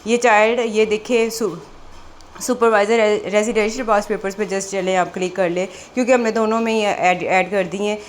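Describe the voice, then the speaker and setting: A woman's voice: medium pitch, steady tone, normal speed, a little hiss or hum. A woman exam prep teacher, talking through a screen walkthrough in a chatty way, repeating "theek hai" and "ye dekhiye" as she goes.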